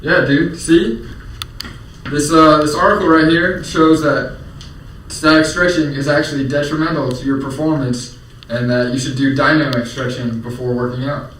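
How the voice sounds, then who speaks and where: A man's voice: a little high, fairly even intonation, normal speed, a bit bright. A young man in casual coaching talk with a bro-like, slangy manner. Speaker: gym coach in a skit. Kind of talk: casual gym banter and coaching. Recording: echoey, distant mic, noisy room.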